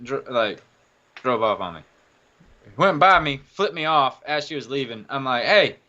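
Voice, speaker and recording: A man co-hosting a podcast, telling stories in a profane, animated, casual way. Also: medium pitch, normal speed. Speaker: podcast co-host. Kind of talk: casual chat, storytelling. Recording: dull lo-fi recording.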